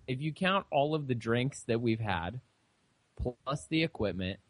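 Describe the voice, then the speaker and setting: A young man co-hosting a casual podcast chat, talking in a halting way with lots of fillers and restarts. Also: medium pitch, lively intonation, no room sound. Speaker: podcast co-host.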